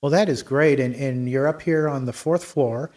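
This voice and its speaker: An American podcast host reads sponsor messages and interviews guests in a folksy, chatty style. His voice is medium-pitched and a little mellow, at a normal speed, on a dry recording.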